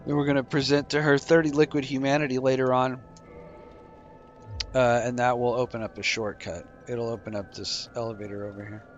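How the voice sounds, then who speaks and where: A man's voice: mid-range voice, a little fast, dull audio, faint music behind. A tired man streaming a game, casually explaining each move as he plays. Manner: relaxed, explaining while playing, yawning. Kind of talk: casual gameplay commentary. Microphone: desk microphone.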